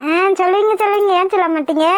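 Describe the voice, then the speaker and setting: A woman voices a young, devoted cartoon wife in a very high, racing voice, affectionate and pleading while scolding playfully in a teasing mood. The recording is dry, with no room sound.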